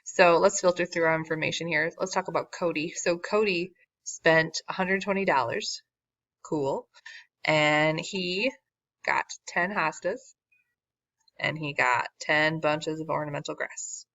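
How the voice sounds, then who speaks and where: A math teacher, a woman whose voice is going, explains a word problem in a recorded class, casual and wry, with self-deprecating asides. She sounds low-pitched, a bit bright and a little slow. The recording is dull, dry and lo-fi.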